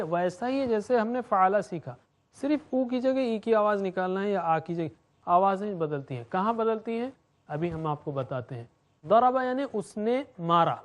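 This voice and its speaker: A man teaching Quranic Arabic grammar, drilling verb forms in a rhythmic chant and explaining in between. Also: sits high.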